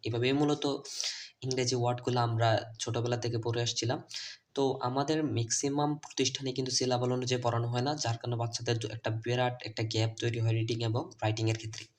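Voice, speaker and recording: In a phonics lesson video, a native Bengali speaker teaches English letter sounds to children's teachers and parents. He spells out the letters and slowly repeats each word in a mid-range, level voice.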